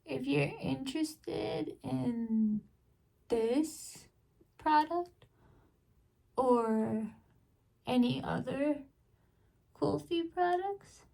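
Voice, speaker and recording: A woman's voice: sits high, extremely slow, creaky, long pauses, warm tone, far from the mic. A woman chatting casually through a makeup tutorial as a beauty vlogger, rambling and trailing off with small laughs.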